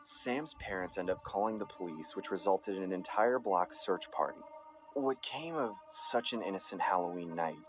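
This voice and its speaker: A young man narrating a scary story in an expressive, suspenseful manner. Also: low-pitched, normal speed, vocal fry, a little hiss or hum, poor audio.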